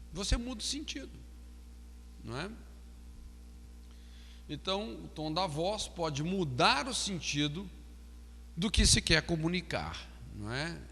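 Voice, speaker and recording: A man's voice: high voice, bright, forceful tone, husky, in a large hall. A man, a pastor giving a recorded lecture on counseling, explaining and often asking "não é?". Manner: frequent tag questions "não é?"; explanatory, stresses key words. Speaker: pastor teaching a counseling course.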